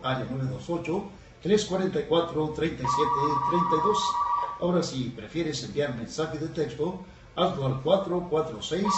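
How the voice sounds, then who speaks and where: A man's voice: on the high side, heavy background noise. A man hosting a music program as a radio DJ, greeting listeners cheerfully on air, heard as a broadcast radio sound. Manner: cheerful on-air greetings, reads phone numbers. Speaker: radio host. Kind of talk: radio DJ announcing. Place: radio studio. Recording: echoey distant radio air-check with loud music.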